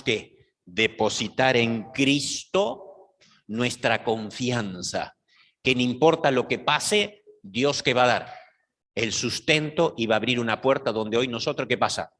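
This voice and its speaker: Middle-aged pastor, bright and fairly high-pitched, preaching with rhetorical questions; long hall reverb. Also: male voice. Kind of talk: sermon.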